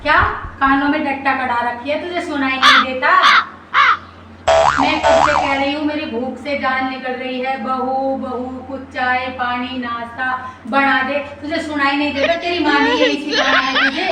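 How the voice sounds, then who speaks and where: A woman's voice: high-pitched, big pitch swings, normal speed. A woman playing a nagging, self-pitying middle-aged mother-in-law who scolds and calls on God in a comic sketch. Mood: scolding. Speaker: comedian. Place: home kitchen. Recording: very echoey room, mic far off, loud noise.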